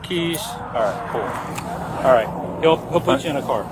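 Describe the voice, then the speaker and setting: A man's voice: on the high side, animated, normal speed. A male police officer talking during an arrest in a blunt, dismissive manner. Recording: very noisy outdoor police bodycam audio.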